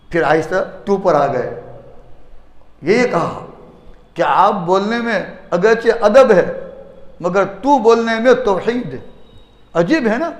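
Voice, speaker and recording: A man preaching a Friday sermon in a mosque, his voice pitched high as he presses his listeners with question after question. He repeats key phrases for emphasis. The recording is roomy, with a long hall reverb trailing behind every sentence. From India. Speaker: mufti preacher.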